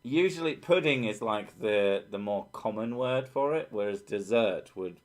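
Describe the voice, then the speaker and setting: A man's voice: on the low side, lively intonation, measured pace. A British man who sometimes drops his T's into glottal stops, chatting casually with sweary, sardonic banter. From Britain. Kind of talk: casual joking chat.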